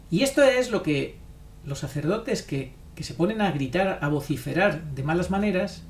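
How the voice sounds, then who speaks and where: A man's voice: on the high side, darkish tone. A man giving impassioned religious commentary, insistent and preachy, hammering his points through repetition. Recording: roomy echo.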